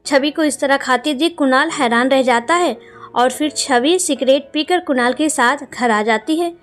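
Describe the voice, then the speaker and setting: Woman with a high voice telling a creepy story, soft music underneath. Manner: dramatic, suspenseful reading. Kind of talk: scripted story narration.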